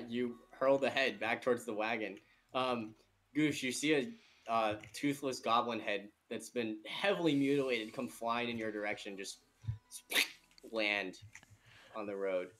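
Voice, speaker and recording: A man's voice: medium pitch, slow pace, long pauses, a bit bright. A man narrating a tabletop game off the cuff as game master, in a casual way.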